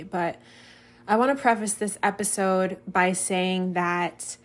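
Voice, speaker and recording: A woman hosting a solo podcast as a life coach, talking in an earnest, heartfelt, chatty way and sometimes reading her own writing slowly and with feeling. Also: on the low side. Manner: chatty, friendly storytelling.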